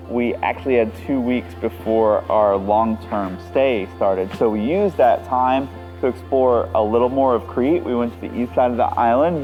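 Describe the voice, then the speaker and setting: A vlogger from the United States chats casually outdoors at a harbor for a travel vlog, his mid-range voice captured with lo-fi sound. He's easygoing and conversational, talking loosely with plenty of fillers.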